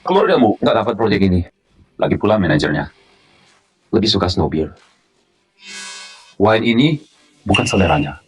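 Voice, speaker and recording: A man dubbing a calm young man who hides his power and answers insults coldly, in a drama. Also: lowish voice, moderate pace, pauses often, slightly rough, soft background music. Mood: cool. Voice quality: cool, cutting. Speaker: company general manager. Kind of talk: dubbed drama dialogue.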